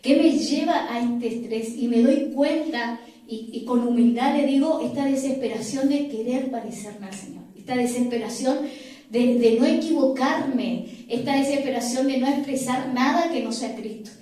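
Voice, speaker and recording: A woman's voice: high-pitched, normal speed, dark tone. A woman pastor with an Argentine accent preaches earnestly, repeating phrases and asking rhetorical questions. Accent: Argentine Spanish. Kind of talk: sermon. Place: church hall. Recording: very echoey hall, mic far off.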